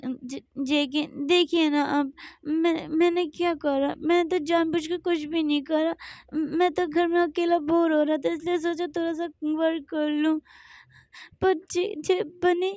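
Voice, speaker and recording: Woman putting on a sobbing young man, clingy and moody, high and shaky, storybook reading. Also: little pitch movement, normal speed, a little mellow, clean tone, dry recording, close to an everyday voice. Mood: crying. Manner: whiny, sobbing, broken-off words. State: crying.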